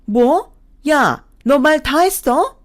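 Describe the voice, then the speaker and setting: A woman's voice: a little high, lively intonation, normal speed, soft background music, voice pushed up, lightly acted. A woman voicing a bossy, easily enraged mother-in-law who scolds and sneers. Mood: shrill fury.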